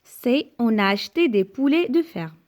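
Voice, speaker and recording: A woman teacher giving a grammar lesson, speaking slowly and deliberately, repeating sentences and exaggerating the rise on questions. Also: a little high, animated, darkish tone. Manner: slow and deliberate, repeating and translating each sentence; exaggerated rising intonation on questions. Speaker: French teacher.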